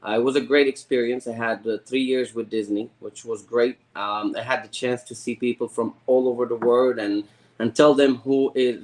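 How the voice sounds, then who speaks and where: Halting, eager man from Morocco. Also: medium pitch, darkish tone. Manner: halting, repeats words, eager. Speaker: guest. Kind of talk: casual interview.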